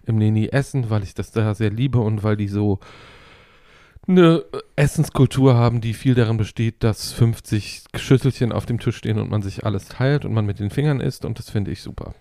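A man in his fifties with a low, mellow voice chats on a podcast. He speaks in a relaxed way and pauses often with fillers. The sound is dry and close. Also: no room sound. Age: 50s. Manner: relaxed, hesitant with many fillers. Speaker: podcast co-host. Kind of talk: casual chat.

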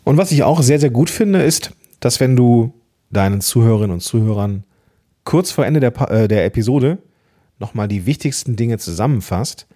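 A man hosting a solo podcast episode, giving tips in a casual, lively way, playing with emphasis and pauses. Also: mid-range voice. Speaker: podcast host.

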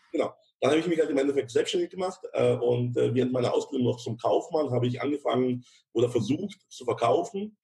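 Gravelly Ukrainian-born man, chatty guest. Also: medium pitch, dark tone. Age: 30s. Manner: many fillers, chatty, ends phrases with "ja". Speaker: podcast guest, insurance broker. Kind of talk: casual interview talk.

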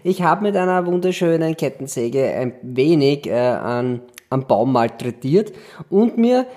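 A man's voice: a little high, lively intonation, unhurried, mellow. A man hosting a casual podcast chat, joking and laughing often. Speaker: podcast host.

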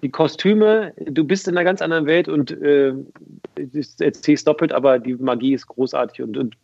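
Husky-voiced talkative man on a podcast. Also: a little high, normal speed, no room sound, highs cut off. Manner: lively, talkative, many restarts and fillers. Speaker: guest, event presenter. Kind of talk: casual podcast conversation.

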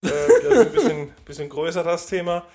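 A German man co-hosting a podcast, wry and quick to push back in casual chat. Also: on the high side, huge pitch swings, crowd noise. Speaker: podcast co-host.

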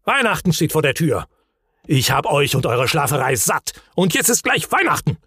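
A man's voice: fairly high pitch, huge pitch swings, normal speed, breathy edge, dry recording, studio quality, voice pushed up, full character voice. A man voicing an irritable, fussy male troll-like creature who grumbles and complains in a storybook reading. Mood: frantic, irritated.

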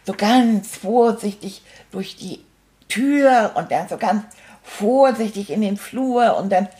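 A woman's voice: mid-range voice, takes it slowly, dark tone, lightly acted. A woman voicing a cheerful, cheeky male stuffed toy rat, retelling events in a chatty, rambling, fond way. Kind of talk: first-person storytelling.

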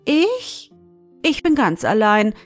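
A woman's voice: high voice, unhurried, a little mellow, faint music behind, voice pushed up. A woman voicing a whiny, hungry female mouse who pleads and wails in a storybook reading. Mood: pleading. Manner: wailing, pleading and sobbing.

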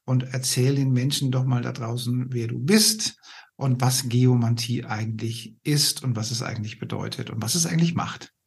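A man hosts a podcast interview with a slightly husky voice. He introduces his guest and asks follow-up questions, often repeating words as he goes. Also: medium pitch, steady tone, normal speed. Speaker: podcast host.

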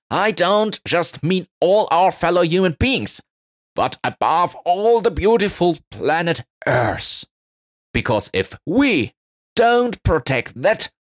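A man's voice: on the high side, very animated, slow pace, voice pushed up. A man voicing a normally shy male elf delivering an emotional speech in a Christmas story. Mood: earnest.

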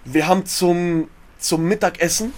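A man's voice: high-pitched, a little slow, a little mellow. A man with an urban German multiethnolect accent telling stories in slangy casual speech, acting out dialogue and repeating phrases. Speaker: guest telling prison stories. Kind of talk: animated casual storytelling.

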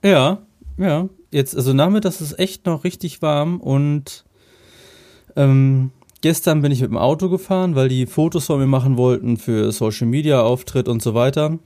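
A man's voice: medium pitch, moderate pace, mellow. Easygoing German man telling stories. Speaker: podcast co-host. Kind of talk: casual chat.

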